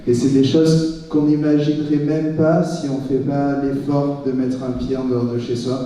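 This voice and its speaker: A man's voice: mid-range voice, level tone, normal speed, warm tone. A man giving an encouraging talk with frequent hesitations. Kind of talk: motivational talk. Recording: echoey hall, heard from far off.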